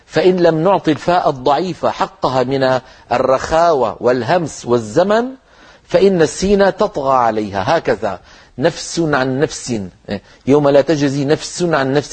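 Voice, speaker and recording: Husky-voiced man teaching Quran recitation. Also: on the high side, darkish tone. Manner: explains rules, then demonstrates words slowly.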